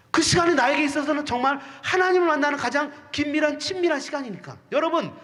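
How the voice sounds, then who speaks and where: A man's voice: very high voice, fairly bright tone. A male pastor delivering a sermon, often putting questions to the congregation and acting out the voices of the people he quotes.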